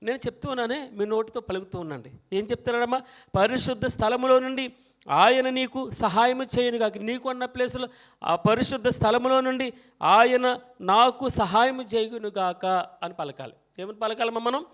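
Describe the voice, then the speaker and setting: Man, high-pitched voice, sermon, soft then loud and emphatic, leads verse reading aloud. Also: moderate pace. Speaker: preacher.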